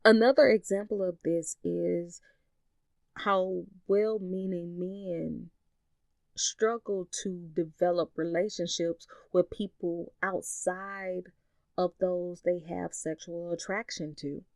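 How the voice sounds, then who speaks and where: A woman's voice: on the low side, steady tone, slow pace, creaky, darkish tone, no room sound. A woman hosting a solo podcast, talking earnestly and conversationally with emphatic points. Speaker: podcast host.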